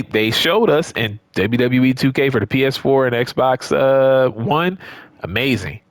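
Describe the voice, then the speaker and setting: A man with a slightly high voice talks off the cuff to his audience as a gaming YouTuber, emphatic and repeating phrases for stress while checking in with listeners often. The casual vlog commentary is recorded dry.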